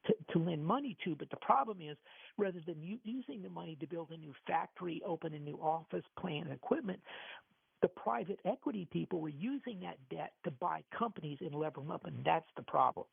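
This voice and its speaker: A financial talk-show host taped off the radio, his man's voice deeply gravelly and a bit high for a man. He stumbles through frequent restarts. The tinny, dry broadcast sound is thin and phone-like. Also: no room sound. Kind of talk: call-in radio talk on markets.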